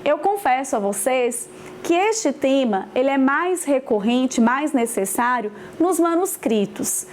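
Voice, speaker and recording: A woman's voice: sits high, animated, measured pace, a little hiss or hum. A woman teaching grammar, explaining step by step, repeating key points and checking in with the class. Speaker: Portuguese teacher. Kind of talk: online grammar lesson.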